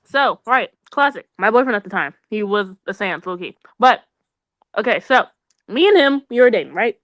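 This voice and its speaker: Animated young woman telling gossip. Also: mid-range voice, moderate pace, no echo, studio quality. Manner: animated, gossipy storytelling with slang. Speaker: storyteller among friends. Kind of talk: casual chat.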